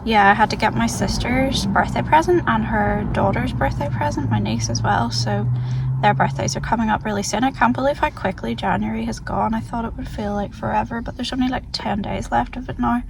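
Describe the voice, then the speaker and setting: A woman's voice: fairly high pitch, fairly quick, creaky. A woman with a Northern Irish accent chatting casually and informally as a vlogger, thinking aloud in a rambling way. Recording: faint ambient background noise.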